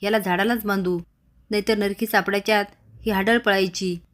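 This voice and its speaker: A woman's voice: medium pitch, fairly even intonation, moderate pace, close to an everyday voice. A woman voicing a bold older village man who gives orders and urges others on. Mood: commanding. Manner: commanding, urging others on.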